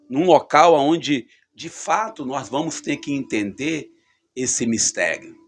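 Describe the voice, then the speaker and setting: A man delivers a relaxed spoken reflection on the gospel, in a husky voice. He talks conversationally and keeps the usual fillers. He punches certain phrases upward for emphasis. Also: mid-range voice. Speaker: preacher.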